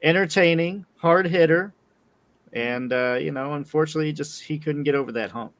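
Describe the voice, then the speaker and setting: A man hosting a boxing talk show, relaxed and casual, trailing off low at the ends of his phrases. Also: moderate pace. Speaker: podcast host. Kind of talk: casual chat.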